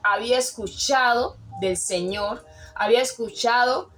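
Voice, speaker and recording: A woman's voice: fairly high pitch, a little slow, fairly bright tone. A woman preaching a sermon in an earnest, repetitive way, restarting phrases and rising when she quotes a cry.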